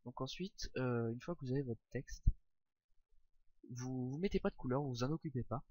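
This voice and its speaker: A young man walks through a software tutorial in a loose, informal way, pausing often with fillers as he searches for the next step. His voice sits at an ordinary middle pitch. The recording is dry and close, with no room sound. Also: dry recording. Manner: hesitant, many "euh" fillers, relaxed and informal. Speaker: tutorial maker.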